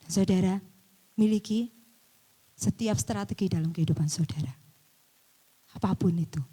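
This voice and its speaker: A woman preaching a sermon, dropping to near-whispers and then rising to loud, emphatic bursts, laughing now and then. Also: medium pitch, normal speed, husky. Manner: laughs between points, mixes in local slang.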